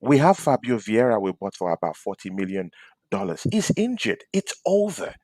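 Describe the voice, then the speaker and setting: A man hosting a fan debate show, ranting passionately about his team and swinging between loud outbursts and quiet asides. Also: mid-range voice, very animated, moderate pace, dry recording. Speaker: fan channel host. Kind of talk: heated football fan debate.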